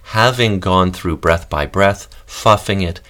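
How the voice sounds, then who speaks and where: A man with a very low, deep voice leads a podcast voice lesson. He talks in a calm, guiding way and walks listeners through each exercise step by step. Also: unhurried. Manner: calm, guiding instructions with demonstrations. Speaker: voice and text coach.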